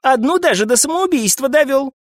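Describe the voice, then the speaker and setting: A man's voice: very high voice, lively intonation, brisk, dry recording, studio quality, voice pushed up. A man voicing a bold young female police officer, speaking firmly in a storybook reading.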